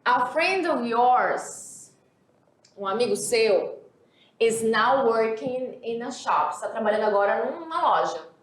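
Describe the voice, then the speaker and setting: A woman's voice: a little high, lively intonation. Brazilian woman teaching, echoey room. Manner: slow, deliberate example sentences, quick asides. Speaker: English teacher. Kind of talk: recorded grammar lesson.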